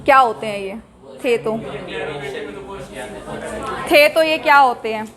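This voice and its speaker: A woman teacher giving a classroom lecture, quizzing her students, calling for quiet and mixing in English example sentences. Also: a little high, takes it slowly, crowd noise. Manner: mixes Hindi explanation with English example sentences.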